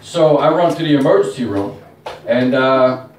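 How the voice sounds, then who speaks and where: Crude stand-up comic in a roomy bar. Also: male voice, mid-range voice, normal speed, noisy background. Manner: crude, swearing storyteller. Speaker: stand-up comedian. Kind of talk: stand-up set. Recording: roomy live room from a distance.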